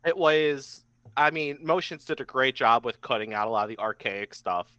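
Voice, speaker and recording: Bright young man, dry dull recording. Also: medium pitch, moderate pace, dry recording. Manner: reminiscing, lots of "like" fillers. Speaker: guest. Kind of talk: casual podcast chat. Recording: dry, slightly dull podcast mic.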